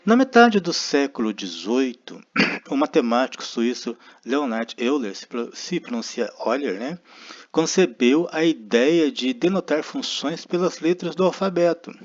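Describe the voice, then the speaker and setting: Here a man with a slightly high, expressive voice talks a little slowly, his Brazilian Portuguese accent audible throughout. It's a recorded math lesson on a dull lo-fi track, where he explains step by step, thinks aloud, and regularly uses tag questions to check in with his audience.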